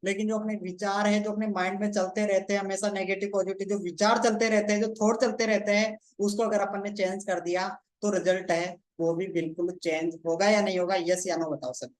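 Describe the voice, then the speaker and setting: Male coach teaching an online class, repeats points, keeps checking his listeners follow. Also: sits high. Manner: repeats phrases, explains slowly step by step. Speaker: motivational coach. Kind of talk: live online training lesson.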